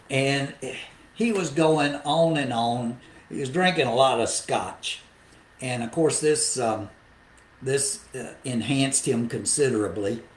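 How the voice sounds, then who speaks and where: A man's voice: medium pitch, a little hiss or hum. An older man hosting his own podcast, telling a meandering, reflective story and chuckling at his own anecdotes. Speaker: podcast host and songwriter. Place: home room, livestream podcast. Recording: roomy echo, faint guitar behind.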